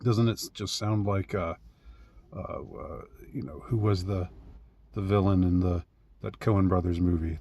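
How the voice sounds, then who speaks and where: A commentator with a low voice and darkish tone talks through a casual, rambling monologue. He hesitates, uses many fillers and restarts, and chuckles often.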